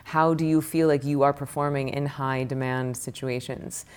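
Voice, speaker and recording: A woman meditation teacher and author answering interview questions, rattling off lists of questions in an animated way. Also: extremely low pitch, normal speed, clean tone.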